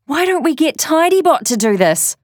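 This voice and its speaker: Lady doing a keen little schoolboy, high and excited, dry close sound. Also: normal speed, dry recording. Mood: eager. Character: eager schoolboy twin full of ideas.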